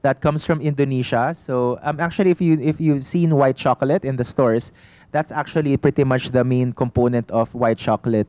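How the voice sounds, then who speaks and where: A man talks through his shop's products as a talk-show guest, in a calm mid-range voice. He explains at length and keeps saying "you know" as he restarts his sentences. The studio sound is close and dry. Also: mid-range voice, no room sound, muffled recording. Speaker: organic food shop owner, studio guest.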